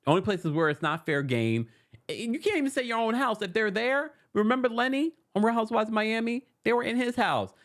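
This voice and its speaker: Sassy, lively male recap host. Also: high voice, brisk. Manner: sassy, animated, laughs often. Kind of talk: casual live-stream recap chat.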